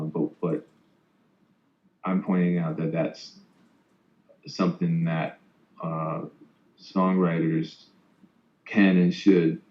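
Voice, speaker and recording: A male judge gives a measured, hesitant critique of a song. His voice is very deep and flat. It comes through a dull, roomy video-call connection. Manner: measured, hesitant, many um's.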